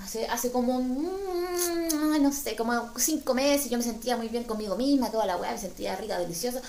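Animated Chilean woman telling a story. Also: on the high side, moderate pace, roomy sound. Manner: animated, slangy, acts out dialogue. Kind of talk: stand-up storytelling.

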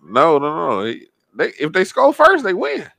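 Animated, slangy man bantering on a podcast. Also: a little high, normal speed, vocal fry, dry recording, clean studio sound. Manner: profane, slangy, teasing. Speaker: podcast co-host. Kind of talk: casual banter.

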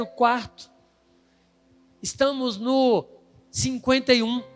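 A man's voice: very high voice, in a large hall. A male pastor preaching a sermon, emphatic and storytelling, acting out the quoted voices.

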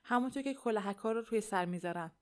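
A woman's voice: medium pitch, close to an everyday voice. Woman playing an earnest, clever teen boy. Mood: urgent. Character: clever, serious teenage boy.

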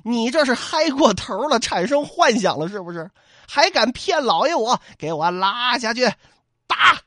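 A man's voice: very high voice, big pitch swings, moderate pace, a bit bright, dry recording, clean studio sound, pitched above the performer's own voice, exaggerated voice. A man voicing a pompous old-style magistrate who scolds and blusters. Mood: scolding.

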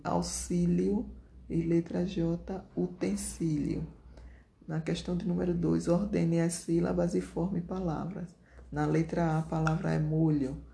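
A teacher going through homework answers at an unhurried, deliberate pace. The voice is dark and warm with a gravelly edge. Each answer is dictated clearly and repeated, punctuation included. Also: mid-range voice. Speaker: primary school teacher.

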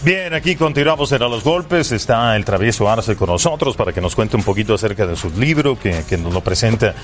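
A man hosting a boxing talk show in a brisk, upbeat presenter's manner. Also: on the low side, lively intonation, faint music behind, a faint crowd. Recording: faint background noise.

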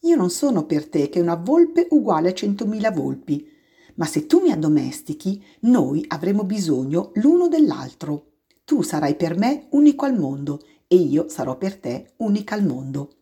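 A woman voicing a wise, patient fox in a storybook reading, calm and tender. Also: fairly low pitch, normal speed, slightly rough, full character voice. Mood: earnest.

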